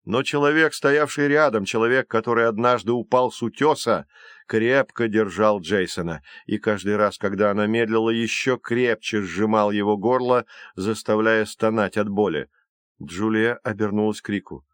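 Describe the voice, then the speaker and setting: A man narrating a children's adventure audiobook in a measured, expressive way. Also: fairly low pitch, no echo, studio quality. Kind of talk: storybook narration.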